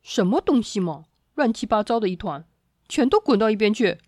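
A woman voicing a rude, bad-tempered grown man who barks and shouts, in a children's storybook. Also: on the high side, measured pace, dry recording, studio quality, natural voice. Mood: angry.

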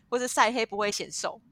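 A woman's voice: fairly high pitch, moderate pace, no echo. A young woman from Taiwan, a co-host with a playful, teasing way of talking who laughs often. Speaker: podcast co-host. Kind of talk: casual chat.

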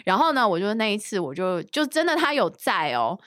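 A woman who teaches, telling a story in a casual chat. She is animated and slips English words into her speech. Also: mid-range voice, fairly quick, dry recording, studio quality.

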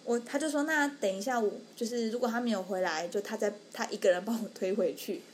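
Animated young woman storyteller. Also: fairly high pitch, quick pace, a little hiss or hum. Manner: animated, acts out the people she quotes. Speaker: podcast co-host. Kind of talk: casual storytelling chat.

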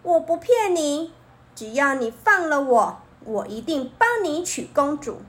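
A cunning young fox from a children's storybook, coaxing and a little boastful, as a woman reads him out. The voice sits high and moves at an unhurried pace. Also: sing-song, a bit bright, exaggerated voice. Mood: pleading. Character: sly clever young male fox, smooth-talking.

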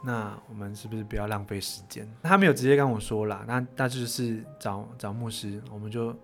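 A young man, a podcast guest telling his story candidly, with quick laughs. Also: lowish voice, a bit bright, faint music behind. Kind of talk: personal story in a podcast interview.

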